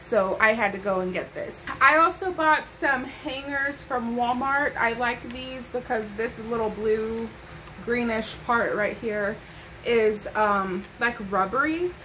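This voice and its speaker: A woman's voice: fairly high pitch, measured pace, bright, forceful tone, slight background noise, poor audio. A young woman vlogging a casual haul to camera from her bedroom, sassy and chatty with playful asides.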